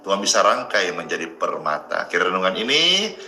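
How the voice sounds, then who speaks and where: Bright-voiced male pastor in an echoey room. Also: sits low, big pitch swings, brisk. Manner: joking, conversational preaching to viewers. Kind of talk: sermon.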